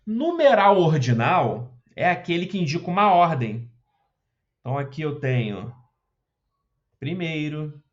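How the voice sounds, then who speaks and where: A man's voice: a little high, sing-song, unhurried, pauses often, muffled recording. A man teaching Portuguese grammar for an exam, explaining step by step and often checking in with short questions. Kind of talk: exam prep lesson walking through questions.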